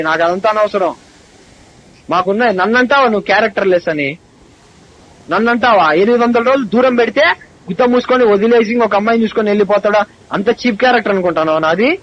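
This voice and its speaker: Angry young man ranting on phone. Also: high voice. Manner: angry, accusing, abusive, rapid-fire. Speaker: college student on a phone call. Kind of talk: heated phone argument. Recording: phone call recording, dull with faint hiss.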